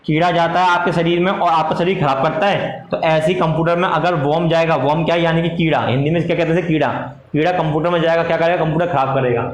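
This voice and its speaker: Hindi teacher dictating in an echoey room. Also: male voice, steady tone. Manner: dictates slowly, repeats and quizzes the class; answers his own questions in a lower voice. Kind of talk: classroom lecture. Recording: echoey room with faint noise.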